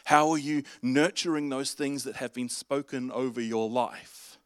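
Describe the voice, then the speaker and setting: A male pastor preaches in a conversational, halting way, often restarting his phrases. His voice sits at an ordinary middle pitch. The recording is dry, with little room sound. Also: fairly even intonation, no room sound. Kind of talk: sermon.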